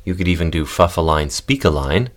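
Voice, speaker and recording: Deep-voiced man coaching voice exercises. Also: a little fast. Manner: calm, guiding instructions with demonstrations. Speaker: voice and text coach. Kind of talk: podcast voice lesson.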